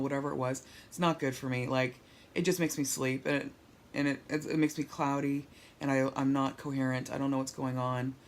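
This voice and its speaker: Her voice is low and darkish, with a little hiss or hum in the recording. Weak and sore after surgery, she rambles in a frank, wry video diary at home, filming on a tablet held overhead while lying down.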